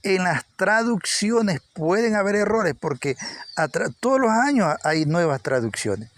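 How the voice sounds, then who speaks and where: A man's voice: sits high, big pitch swings, a little slow, a little hiss or hum. A man preaching an informal Bible teaching, repeating words for emphasis. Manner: repeats words for emphasis, rising with energy at points.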